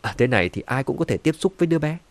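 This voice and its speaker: A cunning, smooth-talking middle-aged man in an audiobook, voiced by a male narrator. He soothes and placates in a conciliatory tone. The recording is dry and close. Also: medium pitch, lively intonation, very fast, dry recording, lightly acted. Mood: placating.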